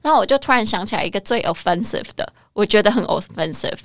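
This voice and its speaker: A woman with a Taiwanese Mandarin accent co-hosting a bilingual English lesson, spelling words out slowly and joking with her co-host. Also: mid-range voice, animated, no room sound. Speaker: podcast co-host and English teacher.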